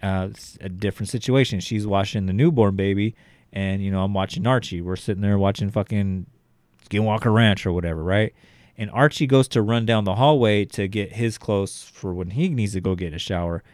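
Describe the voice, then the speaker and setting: A young adult man with a lowish voice tells a long, meandering story in a loose podcast chat, swearing freely and padding his sentences with fillers. The sound is dry and close-miked, with no room around it. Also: a little fast, a little mellow, no echo. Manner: rambling, profane, heavy fillers. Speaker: podcast co-host.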